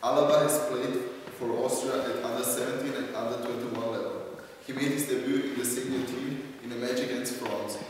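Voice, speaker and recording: A young man from Bosnia and Herzegovina reads his presentation in an even, level tone. His voice comes from far off in a long-echoing hall with faint noise. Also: medium pitch, a little fast. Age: young adult. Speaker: student presenter. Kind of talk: reading a school presentation. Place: wood-panelled hall, indoors. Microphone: far camera.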